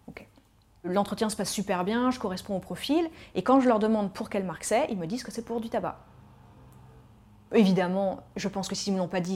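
Speaking with a medium pitch and a slightly mellow quality, a Parisian woman in her 30s tells her own story on a personal storytelling podcast. She's a tobacco cessation specialist, and her candid account is full of fillers.

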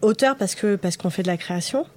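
A woman guest explains her translation work in an interview. She speaks hesitantly and fills her pauses often. Her sentence endings fade off softly. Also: medium pitch. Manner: hesitant, many fillers, soft trailing endings. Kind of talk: interview answers.

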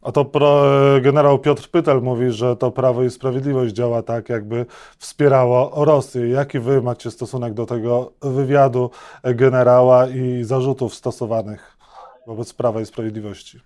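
A man's voice: medium pitch, fairly even intonation, normal speed, dark tone. A man hosting a political interview, putting questions persistently. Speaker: interview host, journalist.

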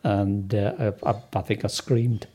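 A middle-aged or older man with a soft Sunderland accent, recalling things hesitantly as an interview guest. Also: fairly low pitch, little pitch movement, a little slow, breathy edge. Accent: softened Sunderland. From North East England, Sunderland area. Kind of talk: casual recollection in an interview.

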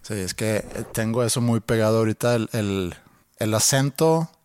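Playful Mexican podcast host. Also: male voice, on the low side, a little mellow, clean tone, dry recording, studio quality. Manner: playful, quick banter. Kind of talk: casual chat.

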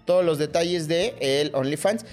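A man's voice: fairly high pitch, moderate pace, darkish tone, faint music behind. A man with a Mexican accent co-hosting a comedy podcast, reading listener comments and swearing casually. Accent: Mexican Spanish. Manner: joking, swearing, reads listener comments aloud. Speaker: podcast co-host.

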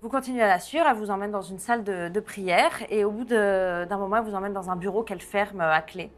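A woman's voice: medium pitch, fast talker. A woman narrating a tabletop game as game master, describing scenes with frequent fillers and laughs. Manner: descriptive, many fillers and restarts, laughs often.

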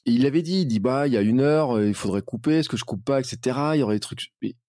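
A man chatting on a podcast in a lively, familiar way. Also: mid-range voice, very fast, no room sound, studio quality. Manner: chatty, lively, many "tu vois". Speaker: podcast host. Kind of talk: casual podcast conversation.

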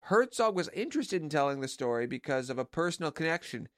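A man co-hosting a podcast, chatting casually with dry, deadpan humour. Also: a little high, quick pace, no room sound. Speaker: podcast co-host. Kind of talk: casual comedic chat.

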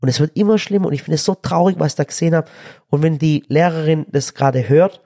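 A man's voice: a little high, fast talker, warm tone. Earnest father ranting on a podcast. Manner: earnest, ranting, many restarts and fillers. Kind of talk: casual chat.

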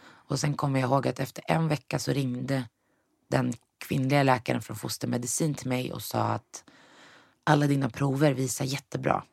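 Brief: young woman, guest, gravelly fry, dry close sound, storytelling that acts out the dialogue. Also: very deep voice, steady tone, no echo. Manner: retells events with quoted dialogue, mixes in English words. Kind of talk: personal storytelling in conversation.

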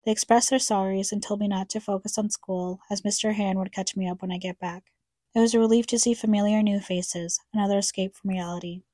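Young woman narrator for a grief podcast: mellow, dry close voice, reflective and somber. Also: medium pitch, fairly even intonation, brisk, dry recording. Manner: somber, reflective, addressing her late mother. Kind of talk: scripted personal narration.

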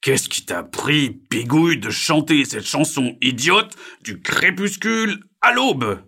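A man's voice: medium pitch, animated, takes it slowly, voice pushed up. A man doing a tired, grumpy scolding neighbor. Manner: scolding, firm. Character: tired grumpy male pond dweller.

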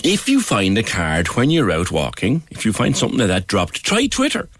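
A man's voice: on the low side, huge pitch swings, moderate pace, a bit bright, dry recording. A man with a Cork accent hosting a radio talk show in a conversational interviewing style.

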